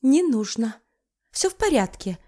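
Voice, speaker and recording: Woman doing flustered squeaky young woman. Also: very animated, unhurried, mellow. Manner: high, breathless and flustered.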